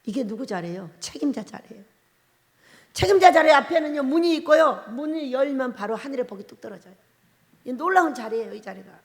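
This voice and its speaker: A woman's voice: sits high, animated, brisk. A woman pastor preaching a sermon, pressing the congregation with questions. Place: church sanctuary at the pulpit. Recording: long church reverb with faint keyboard.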